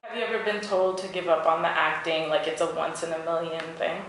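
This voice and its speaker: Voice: medium pitch, flat delivery, a little fast, fairly bright tone, slight background noise. An interviewer asking questions in a casual chat, encouraging and backing the guest up with frequent murmurs of agreement. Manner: encouraging, frequent "mm-hmm" backchannel. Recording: echoey room.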